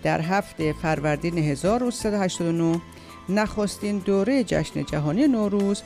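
A man reading an informational script aloud at a steady pace, with an occasional slip. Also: high-pitched, faint music behind. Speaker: narrator. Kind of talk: read-aloud informational narration.

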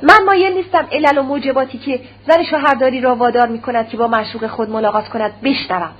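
A woman voicing a stern, cold-hearted older husband who speaks harshly and with contempt. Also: high voice. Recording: dull lo-fi recording with faint hum.

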